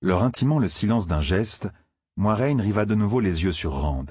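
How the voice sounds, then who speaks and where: Low husky guy narrating a fantasy book, super dry close sound. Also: expressive, moderate pace, darkish tone, dry recording. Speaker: audiobook narrator. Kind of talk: scripted fantasy novel narration.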